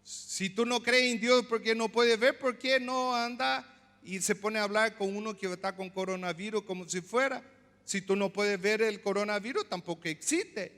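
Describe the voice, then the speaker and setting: A male pastor preaching a sermon, explaining slowly, repeating words and asking the congregation questions. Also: high-pitched, fairly bright tone, big-room sound. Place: church.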